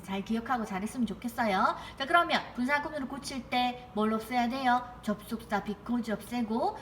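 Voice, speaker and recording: A young woman teaches an English grammar lesson in a fairly high voice. She keeps asking her viewers questions and reads each example sentence slowly, with a faint hiss behind her. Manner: coaxing, asks students rhetorical questions. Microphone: computer mic while writing with a mouse.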